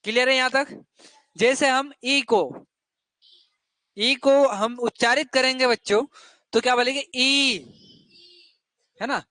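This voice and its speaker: A man's voice: very high voice, steady tone, takes it slowly, pauses often, pushed and bright, no echo. A male teacher giving a classroom lesson to children, asking questions and drilling the answers over and over.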